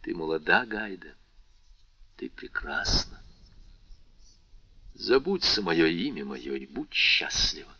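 A man reading an audiobook, voicing a grave nobleman who speaks in a slow, measured and solemn way. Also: low-pitched, sing-song, vocal fry, sharp tone, breathy edge, muffled recording, heavily acted. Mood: tender. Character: the Count, older nobleman, grave and commanding.

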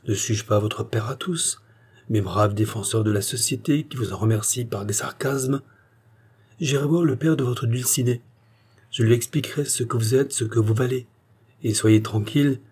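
A man reading the part of a gruff, fatherly police chief who lectures his young inspector brusquely. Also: on the low side, fairly even intonation, moderate pace, darkish tone. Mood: stern.

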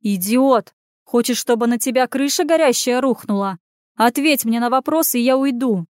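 A woman's voice: fairly high pitch, no room sound, clean studio sound, lightly acted. A woman voicing a brash young heroine who gives blunt, commanding orders. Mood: threatening. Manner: commanding, blunt, quick-tempered.

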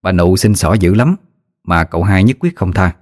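A man narrating a ghost story in a steady, vivid way. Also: low-pitched, moderate pace, no echo, studio quality. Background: faint music.

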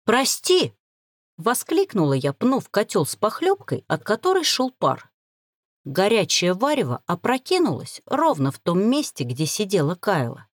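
A woman narrating a first-person novel in an expressive, dramatic reading. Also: mid-range voice, moderate pace, no room sound, clean studio sound. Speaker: audiobook narrator.

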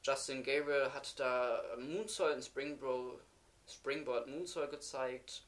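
A man co-hosting a casual podcast chat. He talks quietly and speeds up rather than raising his voice. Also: mid-range voice, takes it slowly. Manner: speeds up instead of getting louder; soft-spoken, talks quietly. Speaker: podcast co-host. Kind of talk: casual wrestling review chat.

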